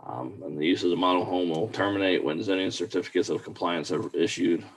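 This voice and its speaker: A man's voice: deep voice, a little fast, poor audio. A man reading out a formal staff report at a public meeting in a plain, procedural way.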